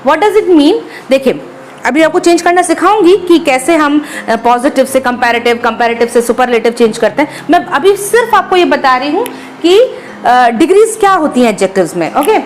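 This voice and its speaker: A woman teaching a grammar lesson. She mixes Hindi and English, says example words slowly and often checks in with her students. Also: high-pitched, animated, slight background noise, poor audio.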